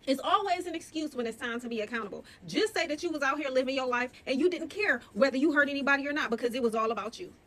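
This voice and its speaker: Woman, high voice, rapid emphatic scolding commentary. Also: expressive, bright, forceful tone.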